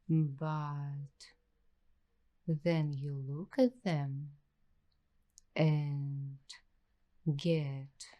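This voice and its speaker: In a slow ASMR roleplay story, a woman with a low-sitting voice plays an uneasy, paranoid young waitress. She speaks in hushed, deliberate, halting phrases broken by suspenseful pauses.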